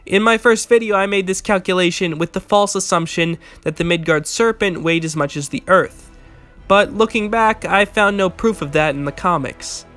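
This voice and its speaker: A man with a high-set voice reads a scripted rebuttal. He sounds argumentative and matter-of-fact as he corrects claims, with some music underneath. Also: moderate pace, fairly bright tone, smooth. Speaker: video essayist and commentator.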